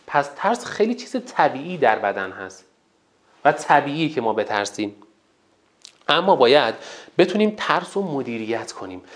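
In a public speaking course, a teacher gives a colloquial lecture with a medium-pitched voice. The delivery is animated, full of rhetorical questions aimed at listeners and points repeated for emphasis.

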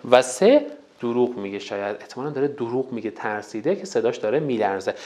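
Lively Persian-speaking speaking coach. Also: mid-range voice. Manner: lively, counts off numbered tips and demonstrates them. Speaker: public speaking teacher. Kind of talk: recorded course lesson.

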